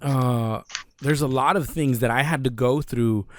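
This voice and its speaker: Male host of middle pitch asking rambling, hesitant interview questions. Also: a little slow, heavy background noise. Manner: hesitant, many uh and um fillers. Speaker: podcast host.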